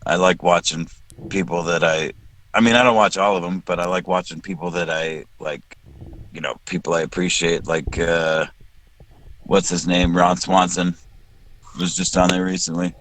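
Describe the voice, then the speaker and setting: A man's voice: low-pitched, steady tone, moderate pace, a bit bright. Casual, loosely spoken male podcast host. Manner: loose, swears, jokes and laughs easily. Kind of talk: casual chat on a call.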